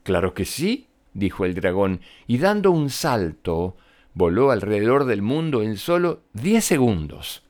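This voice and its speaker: A male storyteller reading a tale aloud for children. His voice rises and falls with lively pitch, and he speaks directly to his young listeners. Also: a little slow. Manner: animated and expressive, addressing children.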